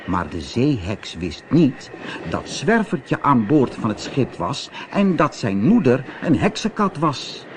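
A man reading a children's story aloud as narrator, slow and expressive. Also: mid-range voice, a little hiss or hum.

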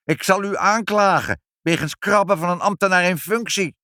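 A man's voice: mid-range voice, very animated, moderate pace, dry recording, studio quality, pitched above the performer's own voice. Een man die een verwaande, zeurderige stadsopzichter speelt in een voorgelezen kinderverhaal. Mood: furious. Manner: pompous, whiny and indignant. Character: fussy pompous male city official.

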